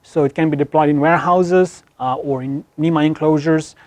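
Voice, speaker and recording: A man in his thirties giving a technical product overview in a studio, talking quickly and fluently with frequent fillers. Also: a little high, fairly even intonation, darkish tone, no room sound. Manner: brisk, fluent, many fillers, talks with his hands. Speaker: product presenter. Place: studio with dark backdrop.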